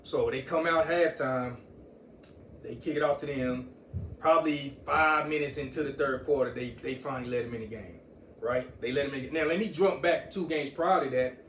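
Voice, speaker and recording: A man recounts events in an animated, casual way and acts out the people he quotes. His voice is a bit distant from the mic in an echoey room, with faint ambient noise behind. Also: mid-range voice, normal speed. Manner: animated storyteller, quotes others, Southern US vernacular. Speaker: guest, father and coach. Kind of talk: casual storytelling.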